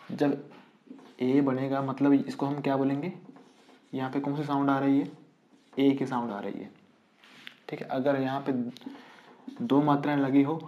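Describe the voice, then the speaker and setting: A man's voice: mid-range voice, darkish tone. Male teacher, exam-prep grammar lesson, drills with repeated questions, slightly dull audio. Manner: quizzes students, repeats rhetorical questions.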